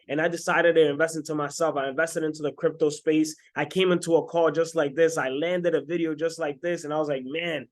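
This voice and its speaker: Upbeat young male business coach. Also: a little high. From Dominican Republic. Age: 20s. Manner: energetic, repetitive, keeps asking "right?". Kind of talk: motivational sales pitch to camera.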